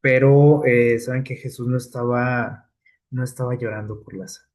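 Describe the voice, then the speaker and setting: A man's voice: medium pitch, fairly even intonation, normal speed, darkish tone. A man preaching a casual, conversational sermon, full of fillers and tag questions to his listeners.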